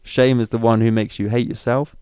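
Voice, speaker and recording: A man putting on a disguised deep voice to play a menacing male demon, reading a taunting letter slowly and deliberately. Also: little pitch movement, mellow, smooth, no room sound, clean studio sound, close to an everyday voice. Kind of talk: dramatic reading of a creepy story.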